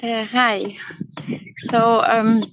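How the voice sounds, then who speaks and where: A woman in her thirties, born in Slovakia and raised in Germany, appears as a guest on a casual video call, a worldschooling mother speaking English with non-native phrasing. Her voice is fairly high and flat with drawn-out words, and she's hesitant and laughs often. The audio has its highs cut off and a noisy background.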